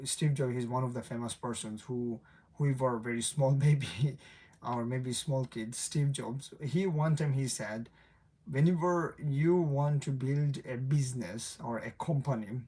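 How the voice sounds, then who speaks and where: A man's voice: mid-range voice, darkish tone. Rambling young man with mixed accent. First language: non-native English. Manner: rambling, self-correcting, chuckles often. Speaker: livestream host. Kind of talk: casual late-night livestream chat.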